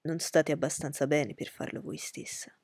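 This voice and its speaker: A woman voicing a composed gentleman who speaks earnestly and solicitously in a storybook reading. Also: sits low, little pitch movement, normal speed, gravelly, no echo. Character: concerned gentleman, gallant and composed.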